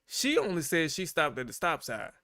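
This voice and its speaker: A man's voice: a little high, wildly swooping pitch, normal speed, pushed and bright, no echo, clean studio sound. A man hosting a live-stream reaction to bodycam videos, talking back at the people on screen and chuckling.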